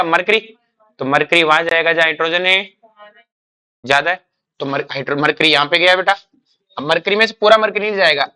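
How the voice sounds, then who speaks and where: Guy teaching chemistry, keeps firing questions at the class, kinda high clear voice. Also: bright, forceful tone. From India. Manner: quizzing students with repeated questions, calls them beta; acts out a crying carbocation and a comforting mercury.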